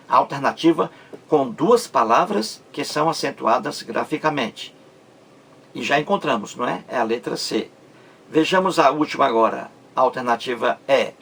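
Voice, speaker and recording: A man's voice: medium pitch, vocal fry, fairly bright tone, husky. A man teaching a grammar lesson, drawing words out syllable by syllable and often asking his listeners if they understood. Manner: slow, stretches out words syllable by syllable, asks rhetorical check-ins. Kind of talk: explanatory video lesson.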